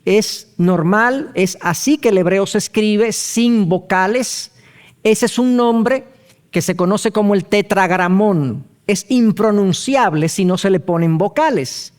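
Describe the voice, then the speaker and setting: High-voiced, unhurried male pastor teaching. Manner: explanatory, asks rhetorical questions, spells terms out slowly. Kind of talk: Bible study teaching.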